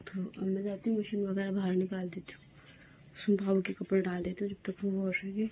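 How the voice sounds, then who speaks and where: A woman's voice: medium pitch, completely flat delivery, a little fast, darkish tone, lo-fi sound, a little hiss or hum. Young woman chatting in a home vlog. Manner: chatty, coaxing her toddler in a sing-song voice. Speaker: vlogger. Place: home rooms, indoors.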